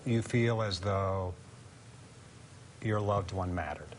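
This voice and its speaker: A man giving reflective, conversational parade commentary in a halting, searching delivery. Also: low-pitched, a little hiss or hum.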